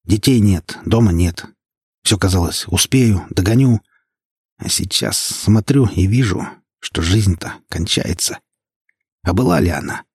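A man's voice: deep voice, husky, dry recording, studio quality, full character voice. A man playing a cold, menacing gangster boss in his forties. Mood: bitter. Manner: flat, slow, contemptuous.

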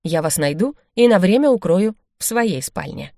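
A woman's voice: on the low side, animated, moderate pace, warm tone, dry recording, studio quality. A woman reading the lines of a stern, scheming male baron in an audiobook, firm and commanding.

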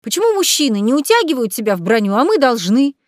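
A woman's voice: a little high, expressive, fairly quick, no room sound, studio quality, natural voice. Woman voicing a bold teasing young lady. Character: young noblewoman, bold and mocking.

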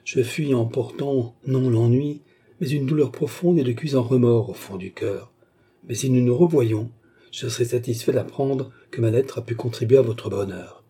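A melancholy young nobleman, performed by a male reader speaks with formal, gracious courtesy. His voice is dark and husky. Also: medium pitch, normal speed, natural voice. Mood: sorrowful.

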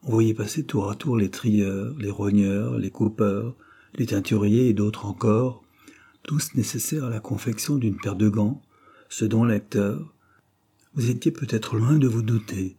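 A man reading a novel aloud in a measured narration style, sometimes addressing the reader. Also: on the low side, dark tone, husky. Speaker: audiobook reader. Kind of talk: audiobook narration.

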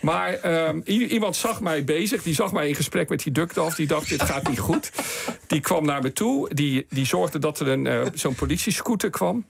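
Man, gravelly and husky, animated storyteller, radio studio guest. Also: fairly high pitch, moderate pace. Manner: animated storyteller acting out quoted people. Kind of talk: spoken anecdote on night radio.

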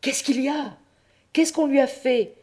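A woman voicing a kindly old pope who cries out in alarm, shrill and exclaiming. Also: a little slow, dark tone.

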